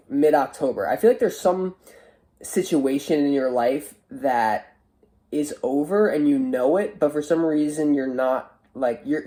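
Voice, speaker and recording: With a warm tone and medium pitch, this tarot reader, who hosts an online show, sounds nasal from a stuffy, congested nose. She chats casually and hesitantly as she works through a spiritual reading.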